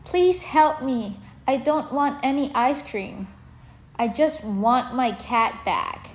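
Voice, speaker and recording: Little boy obsessed w ice cream, high and eager, a woman putting it on, storybook voice. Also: takes it slowly. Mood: pleading. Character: young boy who loves ice cream. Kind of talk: storybook reading.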